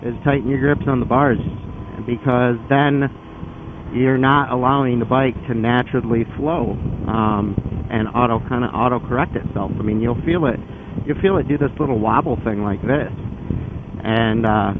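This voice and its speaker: Male motorcycle vlogger, conversational and loosely rambling, mid-pitched voice, tinny narrowband sound with clear vehicle noise. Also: steady tone, normal speed. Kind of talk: casual explanatory vlog while riding. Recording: phone-like band, loud wind and engine noise. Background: loud vehicle and outdoor noise.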